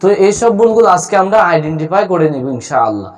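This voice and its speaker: Male teacher, high voice, patient repeating drills, soft music under the voice. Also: big pitch swings. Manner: explains slowly, repeats letter sounds for drill. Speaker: Quran recitation teacher. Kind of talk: spoken tutorial.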